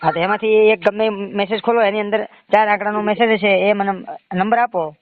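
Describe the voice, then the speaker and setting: Heard over a muffled, narrow-band phone line, a man with a Gujarati accent claims to be a bank loan agent in a sales call, pressing insistently and repeating himself. His high voice has fairly even intonation and a moderate pace, with no echo.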